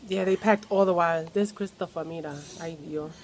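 Talking to his phone camera in a casual vlog, a young man tells a family story with animation, imitating the people he quotes and slipping Spanish words into his speech. His voice is on the high side at a normal speed, with slight background noise.

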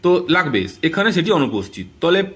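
Fast-talking male grammar teacher. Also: fairly high pitch, very animated, a bit bright. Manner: repeats "ঠিক আছে" and addresses viewers as friends. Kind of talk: classroom lesson explaining and spelling out words.

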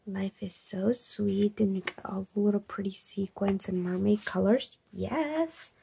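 Woman vlogger, hushed late-night chat, excited and gushing, very fry-heavy gravelly voice, faint hiss. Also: medium pitch, measured pace. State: speaking quietly late at night. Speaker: craft vlogger. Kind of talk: soft-spoken unboxing chat. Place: home at night.

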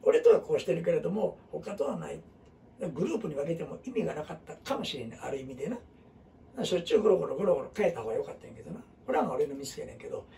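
With a Kansai Japanese accent, a middle-aged man rambles through a casual lesson for a group, using dialect and plenty of fillers and asides. His warm, gravelly voice sits on the high side, swings hugely in pitch, and moves very fast. He is recorded from a distance, with a little hiss or hum.

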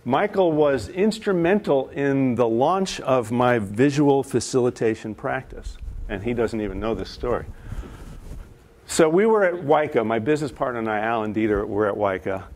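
A man's voice: medium pitch, animated, normal speed, a little mellow. A man presenting to an audience of executives. He tells stories in a conversational way and asks the room questions. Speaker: presenter and facilitator. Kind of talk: live business presentation.

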